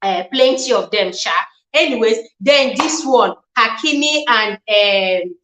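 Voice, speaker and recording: A woman's voice: a little high, lively intonation, measured pace, a bit bright, roomy sound, low-quality recording. A woman with a Nigerian accent hosting a casual livestream chat, emotional and chatty, thanking viewers by name. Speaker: livestream host.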